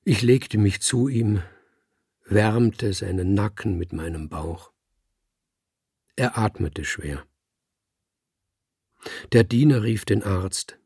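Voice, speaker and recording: Slow, gravelly male storyteller. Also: lowish voice, darkish tone, dry recording, clean studio sound. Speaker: narrator. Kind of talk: audiobook reading of a literary story.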